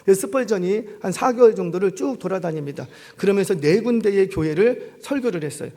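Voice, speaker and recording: Middle-aged pastor, male, gravelly and a bit high, acts out story voices mid-sermon. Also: expressive, fast, mellow. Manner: acts out story characters with shifting voice and volume. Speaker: senior pastor.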